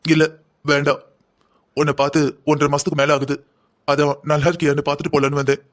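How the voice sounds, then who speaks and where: Cartoon dad, middle-aged, stern and bitter, quick talker, lifted pitch, man voicing. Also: level tone, close to an everyday voice. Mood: curt. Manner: lecturing, bitter. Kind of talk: Tamil cartoon voice acting.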